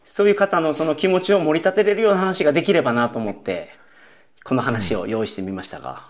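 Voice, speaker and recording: A man co-hosting a podcast, explaining points in casual chat. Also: quick pace. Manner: explains points, laughs along, lively pitch. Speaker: podcast co-host.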